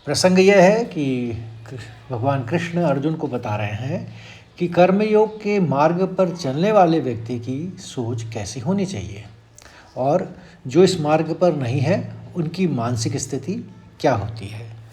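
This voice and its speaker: A man teaching a sacred Sanskrit verse, explaining it slowly and deliberately and chanting the lines again and again. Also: a little high, animated, a little mellow. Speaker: Gita teacher. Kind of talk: devotional verse lesson.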